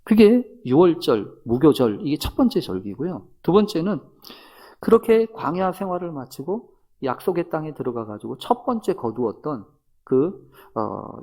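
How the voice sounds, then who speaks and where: A man preaching a thanksgiving sermon as pastor, in a conversational way with rhetorical questions and soft murmured asides. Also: a little high, creaky.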